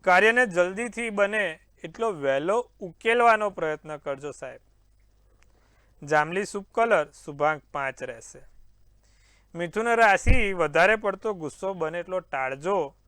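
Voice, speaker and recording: A man's voice: high-pitched, expressive, unhurried, pushed and bright, clear, resonant tone, no room sound. A man hosting an astrology show, reading daily horoscopes and answering callers with confident reassurance. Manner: confident, reassuring, addresses viewers as sir. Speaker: astrologer host. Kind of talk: horoscope forecast and call-in advice.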